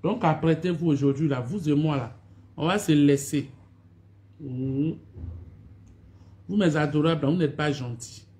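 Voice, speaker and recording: A woman's voice: low-pitched, unhurried, long pauses, warm tone. A woman hosting a live stream, repeatedly greeting viewers by name and scolding them. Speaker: online video personality hosting a live stream. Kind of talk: live stream chat with followers.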